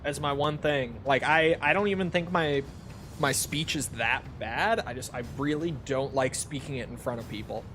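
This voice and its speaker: A little hiss or hum sits under a medium-pitched, slightly bright male voice speaking at a normal pace. While streaming a game, he answers viewers in a rambling, casual way, joking about himself and swearing casually.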